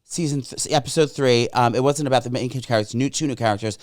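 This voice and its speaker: A man chatting casually as a guest, telling animated stories full of restarts. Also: mid-range voice, quick pace. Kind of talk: casual chat.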